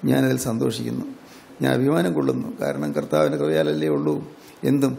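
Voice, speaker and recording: A man's voice: medium pitch, creaky, dark tone, long reverb tail. An older man with a Malayali accent preaching an earnest sermon, repeating phrases and breaking into prayer.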